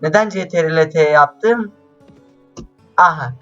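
Excitable young man narrating gameplay. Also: on the high side, a little slow, dull audio. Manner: excitable, chatty, swears often, talks to viewers. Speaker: gameplay commentator. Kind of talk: casual let's-play commentary. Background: faint game music.

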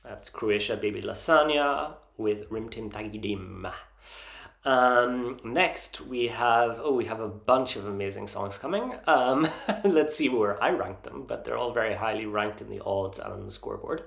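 A man vlogging casually about songs he likes, earnest and enthusiastic, often pausing with ums and restarting his sentences. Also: lowish voice, creaky, fairly bright tone, reverberant. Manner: hesitant, frequent ums and restarts. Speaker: Eurovision vlogger ranking songs. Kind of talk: casual opinion vlog.

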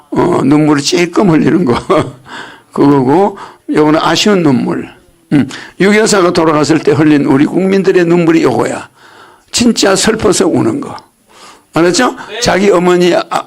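A man's voice: on the high side, vocal fry. An older man giving a folksy religious lecture, teasing and laughing often as he asks his audience questions.

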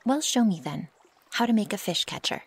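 Here the woman plays the same naive, impatient, possessive young werewolf in an intimate one-sided ASMR scene, earnest and curious in mood. Her medium-pitched voice is animated and slightly fast, soft and breathy, with stiff, formal wording that avoids contractions.

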